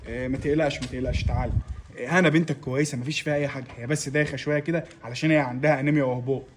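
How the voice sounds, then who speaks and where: A man's voice: mid-range voice, steady tone, very fast, slight background noise, close to an everyday voice. A man playing a sly, soothing doctor. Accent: Egyptian Arabic. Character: sly reassuring male doctor. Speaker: amateur sketch actor. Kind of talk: homemade comedy-drama acting.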